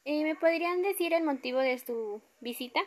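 A woman's voice: high-pitched, normal speed, darkish tone, close to an everyday voice. A woman with a Mexican accent playing a courteous complaints officer in a role-play, using a polite, formal customer service voice. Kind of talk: amateur acted role-play.

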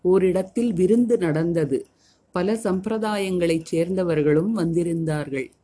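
A woman in scripted narration, reading a spiritual text aloud in a calm, measured way. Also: lowish voice, breathy edge.

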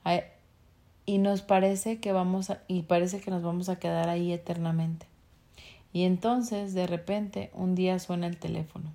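Woman reader, warm mellow voice, reads self-help text aloud, corrects her own slips. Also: lowish voice, little pitch movement. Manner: unhurried reading with small slips and self-corrections. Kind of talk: reading a book aloud.

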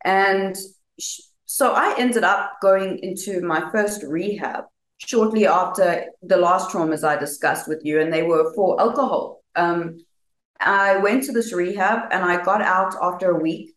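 A woman's voice: fairly low pitch, measured pace, reverberant, rough recording. A woman guest telling her personal story candidly, laughing through hard memories.

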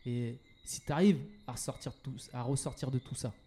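A man being interviewed about his work as an entrepreneur and event organizer, talking casually with many pauses and restarts and slipping in English words. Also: mid-range voice, warm tone, slightly rough.

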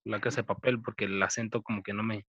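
A man with a Mexican accent in casual chat as a podcast co-host, relaxed, slangy and asking questions. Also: fairly low pitch, fast talker, no echo. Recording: dull, dry close mic.

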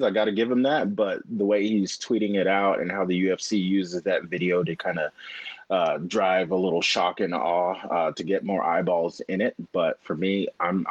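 Deep-voiced male co-host. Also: no echo, dull audio. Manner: thoughtful, loose with fillers. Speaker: podcast co-host. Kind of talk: casual sports chat.

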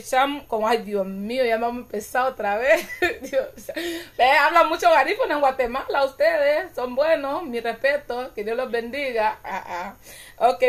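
A woman hosts a casual live stream, speaking in a high voice. She is animated and chatty, and she laughs at her own stumbles as she reads comments to her viewers. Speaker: channel host reading live comments.

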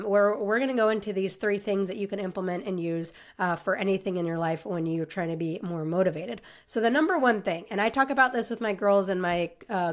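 A woman with a stuffy, congested voice hosting a motivational podcast, talking in an upbeat, encouraging way with filler words. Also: medium pitch. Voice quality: nasal and stuffy. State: sick and congested. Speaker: podcast host and coach.

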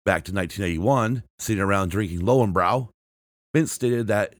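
A man with a lowish voice reads a band's history for his podcast, recorded close and dry with no room sound. He often trips over words and restarts them, and he marks every quotation aloud. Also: moderate pace, dry recording. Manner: reads from a script with frequent restarts and self-corrections; marks quotes aloud with "and I quote" and "end quote". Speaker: podcast host. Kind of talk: read-aloud music history narration.

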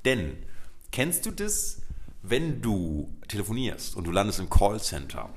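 A man's voice: lowish voice, huge pitch swings, unhurried. A man co-hosting a casual chat podcast, joking and teasing his partner with playful asides. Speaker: podcast co-host.

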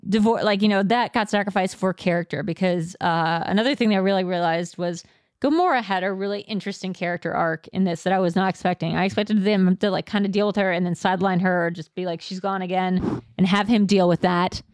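A woman's voice: mid-range voice, fast, no echo, studio quality. A woman co-hosting a podcast, chatting casually about a movie with lots of fillers and acted-out quotes. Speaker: podcast co-host. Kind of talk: casual movie review chat.

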